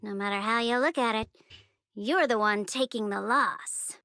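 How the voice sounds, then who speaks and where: An actress voicing a cool, wry young woman in a video game who talks someone round with smooth, teasing persuasion. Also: on the high side, normal speed, pushed and bright, no room sound. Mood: coolly persuasive.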